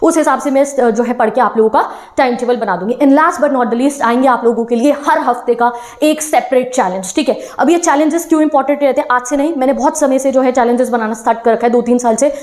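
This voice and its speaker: A woman's voice: high voice, fast, few pauses, darkish tone. A young woman teacher giving an encouraging talk to exam students, switching between Hindi and English phrases. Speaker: online teacher.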